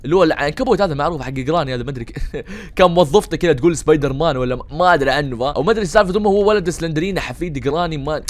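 Young male gaming host; very fast, slightly high, jokey and excitable. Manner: joking, teasing, excitable. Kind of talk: let's-play commentary.

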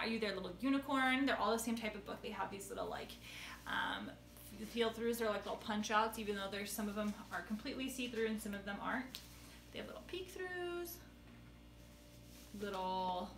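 A young woman with a mid-range, fairly bright voice casually shows off children's books as a seller, chatting away and playfully reading lines aloud. The room gives a roomy echo, with slight background noise.

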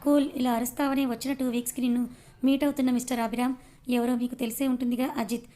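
Woman putting on a taunting rival dude, loud and mocking, pitched a bit high. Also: flat delivery, quick pace, close to an everyday voice. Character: smug rival young man, taunting.

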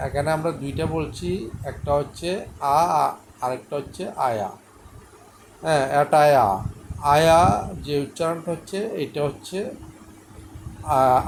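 Slowly spelling out every letter and sound, a slightly high-voiced man teaches English pronunciation with patience, repeating each word. Faint background hiss can be heard under his voice.

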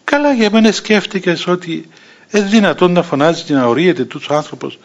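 A man in his sixties with a Cypriot Greek accent, an Orthodox bishop telling a story in a sermon and acting out the voices of the people in it. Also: high voice. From Cyprus. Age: 60s. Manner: lively anecdotal telling, acting out quoted voices, chuckling. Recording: dull lo-fi recording.

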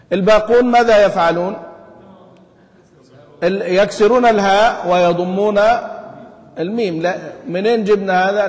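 High-voiced sheikh teaching in an echoey hall. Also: male voice. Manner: stretches out example words slowly, quizzes the class. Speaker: Quran recitation teacher. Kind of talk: explaining a classical text to students. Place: mosque study hall. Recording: long hall reverb.

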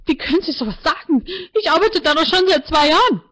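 A woman voicing an upset young woman in a book reading, agitated and shouting at high pitch. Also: fairly even intonation, normal speed, lightly acted. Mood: disbelieving. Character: upset young woman, rising from shy to furious. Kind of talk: author reading aloud.

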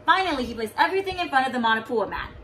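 Woman teacher, picture book read-aloud, lively pitch, faint background noise. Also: poor audio. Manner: expressive, pauses to explain words. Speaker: kindergarten teacher.

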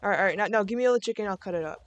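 A woman's voice: mid-range voice, rapid-fire, dull audio, soft background music. A woman hosting a gaming video, chatting casually while running a game restaurant, with lots of fillers and laughter. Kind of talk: casual gameplay chat.

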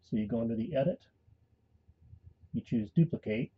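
A man calmly giving a step-by-step voice-over tutorial for a tabletop game tool. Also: medium pitch, moderate pace, breathy edge, dull audio. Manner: calm step-by-step instruction. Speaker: tutorial host and game master. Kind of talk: screen-recorded software tutorial.

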